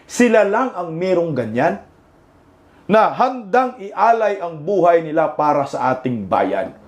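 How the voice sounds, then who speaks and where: A Filipino man doing laughing, mocking reaction commentary over protest footage, jeering and shouting exclamations. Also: fairly high pitch, sing-song, unhurried, dull audio. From Philippines.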